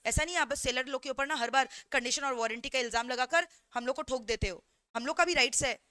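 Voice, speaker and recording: A woman law teacher giving an animated revision lecture through stories, mixing in English phrases and constantly checking that students follow along. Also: sits high, fast, smooth, no room sound, studio quality.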